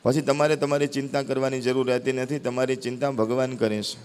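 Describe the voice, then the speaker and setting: A man's voice: mid-range voice, level tone, fairly quick, a little mellow, smooth. A man with a Gujarati accent telling a devotional story in a sermon, acting out the characters' cries and pleas. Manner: acts out characters' cries and pleas with rising intensity. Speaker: spiritual storyteller. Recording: long hall reverb with faint sitar music.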